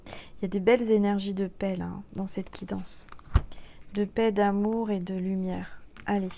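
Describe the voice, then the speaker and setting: A woman giving a chatty tarot reading to her viewers, playful and exclamatory, who drops to a hushed tone when she calls on the cards. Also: mid-range voice, noisy background. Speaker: tarot card reader.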